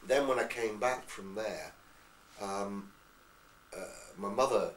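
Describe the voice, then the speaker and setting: Distant, echoey lower-voiced Englishman. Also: takes it slowly, slight background noise. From England. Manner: lively storyteller, slips into accents. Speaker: actor interviewee. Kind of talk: anecdotal interview chat. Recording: echoey room, far from mic.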